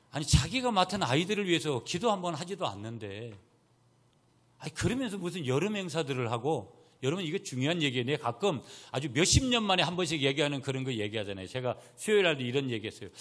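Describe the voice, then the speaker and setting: A man's voice: a little high, sing-song, quick pace, a bit bright. A middle-aged male senior pastor preaching a sermon, speaking emphatically and addressing the congregation directly.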